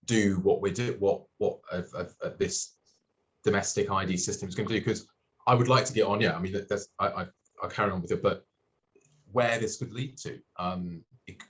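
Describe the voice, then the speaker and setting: A man from Hong Kong in a casual podcast discussion, talking in halting bursts full of restarts and fillers. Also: low-pitched, steady tone, a bit bright.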